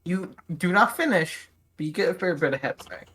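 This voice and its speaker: Low-voiced woman running a tabletop game. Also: lively intonation, fairly quick, fairly bright tone. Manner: hesitant, restarts often. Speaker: game master.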